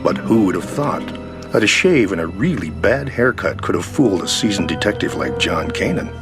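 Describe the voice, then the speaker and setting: An actor playing a sardonic, theatrical man who tells dark events with relish in a wry, mock-ceremonious manner in a television drama. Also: sits low, big pitch swings, moderate pace. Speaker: storyteller under questioning. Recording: music behind the voice.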